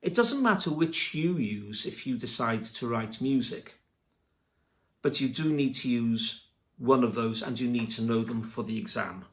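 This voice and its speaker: A man teaching music theory, spelling out terms letter by letter in a slow, deliberate lesson narration. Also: medium pitch, lively intonation.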